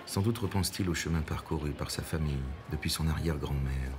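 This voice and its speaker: A man reading scripted documentary narration in a measured, composed way. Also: extremely low pitch, background noise.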